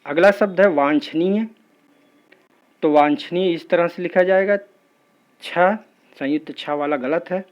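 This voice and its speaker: A man leads an exam-prep spelling lesson, going through each word in a steady, patient rhythm. His voice sits a little high for a man, and he drills the class in a methodical, even way. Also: unhurried, long pauses, highs cut off. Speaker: teacher.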